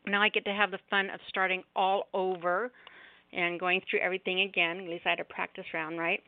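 A woman's voice: on the low side, little pitch movement, fairly quick. A middle-aged woman hosting a poetry open mic show, chatting through announcements in a rambling, apologetic way, her articulation slightly off after jaw surgery. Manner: rambling, apologetic, self-interrupting. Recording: thin, roomy phone-line sound.

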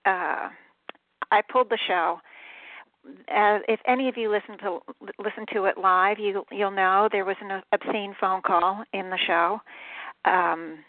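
Over a tinny, dry phone line, a woman radio host speaks with a medium pitch, steady tone, and measured pace, with no room sound. Her casual monologue is chatty and rambling, and she often corrects herself as she calls in.

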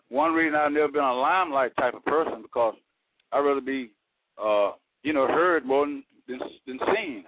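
A man calling into a radio show over the phone, talking in an earnest, folksy way with homespun sayings. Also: mid-range voice. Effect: heard over the phone. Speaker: radio call-in caller. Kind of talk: casual call-in talk. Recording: tinny phone line with static.

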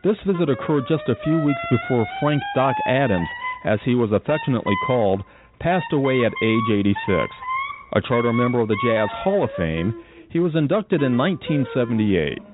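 Brief: male host, animated scripted narration, phone-like sound. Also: mid-range voice, a little fast. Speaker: radio travel show host. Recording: tinny lo-fi audio with music behind.

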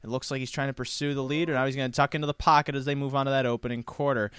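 Male race caller with clean, clear voice. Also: mid-range voice, flat delivery, racing, a bit bright, no echo. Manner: race caller's flowing, building delivery during the race. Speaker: host and horse race caller. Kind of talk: race caller commentary during races, casual handicapping talk otherwise.

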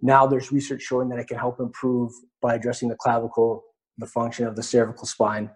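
Husky man teaching a webinar. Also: medium pitch, completely flat delivery, a little fast. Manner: conversational, demonstrating on a model skull. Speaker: webinar instructor.

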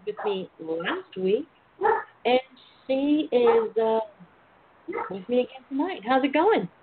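A woman's voice: fairly high pitch, animated, measured pace. An American woman hosting a casual phone-in talk show in a sassy, playful, chatty way. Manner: sassy, playful, uses endearments like darling and honey. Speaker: talk show host and intimacy coach. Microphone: telephone. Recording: tinny phone line with clear noise.

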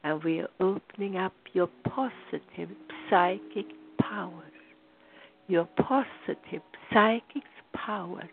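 A woman's voice: fairly low pitch, slow. A woman leading a guided meditation in a soothing voice that drifts into whispers. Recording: tinny phone-like sound.

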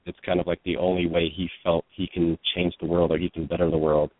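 A man's voice: deep voice, flat delivery, fast, no echo. A man, an actor and producer, explaining his work earnestly in an interview. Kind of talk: interview answers. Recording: phone-like line, dry.

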